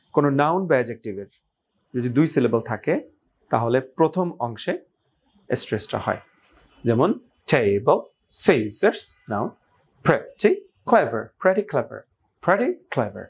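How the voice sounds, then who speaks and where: Male teacher, patient and repetitive, drills English words slowly with quick check-ins. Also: on the high side. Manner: explains in Bengali, models English words slowly, repeating them; asks "right?" and praises with "good". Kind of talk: online English pronunciation lesson.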